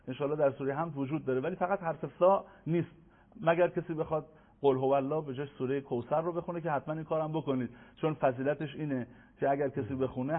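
Patient man teaching Quran pronunciation. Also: medium pitch. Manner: patient, formal, addresses viewers politely; slows to chant Arabic verses. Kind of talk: televised pronunciation lesson. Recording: tinny phone-like broadcast sound.

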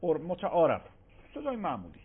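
Male cleric, emphatic, repeats his no's; slightly high voice over a tinny radio line. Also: huge pitch swings, husky. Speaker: cleric answering religious questions. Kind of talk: radio call-in religious Q&A. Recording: phone-like radio broadcast.

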